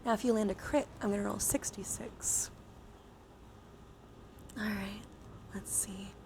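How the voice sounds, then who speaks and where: A woman runs a laid-back, ASMR-style game livestream, speaking softly, half-whispering the ends of her phrases and swearing casually. Her voice is mid-range, steady, unhurried, and creaky, and the recording is very noisy.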